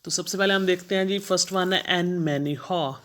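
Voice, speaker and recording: A man's voice: high voice, steady tone, brisk, fairly bright tone. A man teaching a vocabulary lesson. He says each word, repeats it, and then explains what it means. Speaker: language teacher. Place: lives abroad, teaching newcomers.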